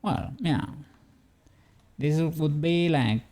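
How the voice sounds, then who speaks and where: Speaking very slowly in a fairly high, darkish voice, a man from Spain with a Spanish accent keeps viewers company on a stream as he works on a 3D model. His casual talk rambles; he answers chat and chuckles often.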